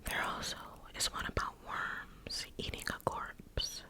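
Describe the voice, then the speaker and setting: A woman reading spooky stories aloud as ASMR in an unvoiced whisper, with a hushed, deliberate delivery. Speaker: ASMR storyteller.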